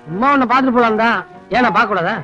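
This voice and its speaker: A bumbling, high-voiced, fast-talking villager. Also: male voice. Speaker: comic lead in a film. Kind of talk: film comedy dialogue. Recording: dull old film soundtrack, faint music.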